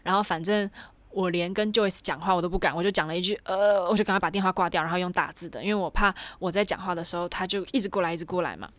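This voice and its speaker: A young woman casually telling a personal story, animated and chatty with lots of fillers. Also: fairly low pitch, fast talker, dry recording. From Taiwan.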